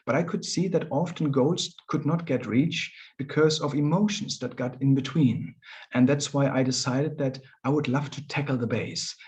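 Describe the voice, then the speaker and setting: A man's voice: medium pitch, a little mellow, lo-fi sound. A middle-aged man, a coach, presenting in a friendly, loose way on a webinar. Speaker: coach and former manager. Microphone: video call.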